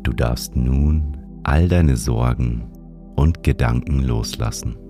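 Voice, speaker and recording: A man narrating a sleep meditation like a bedtime story narrator, guiding the listener gently and soothingly. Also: rumbling low, takes it slowly. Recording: music behind the voice. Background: music.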